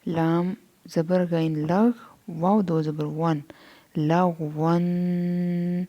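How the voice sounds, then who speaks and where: A woman teaching Quran reading, spelling out syllables slowly one by one, then explaining quickly. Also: lowish voice, steady tone, mellow, lo-fi sound. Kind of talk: spelling out syllables in a slow lesson.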